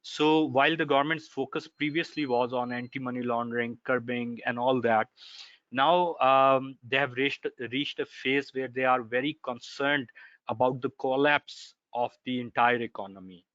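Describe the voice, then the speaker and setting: A man with a Pakistani accent explaining law in an online question session, emphatic and deliberate. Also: mid-range voice, steady tone, a bit bright, dry recording. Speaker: seminar speaker answering legal questions. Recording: dry, slightly dull online audio.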